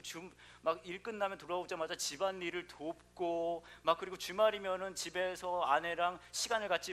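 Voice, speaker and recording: A man's voice: high-pitched, pushed and bright. A young adult man preaching a sermon as pastor, a joking storyteller who acts out quoted voices.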